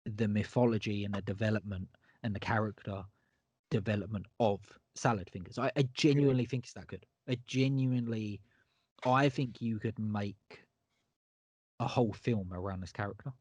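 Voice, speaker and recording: A man's voice: fairly low pitch, moderate pace, a little mellow, no room sound. A man co-hosting a horror podcast in casual chat, enthusiastic and emphatic, often repeating himself. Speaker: podcast co-host.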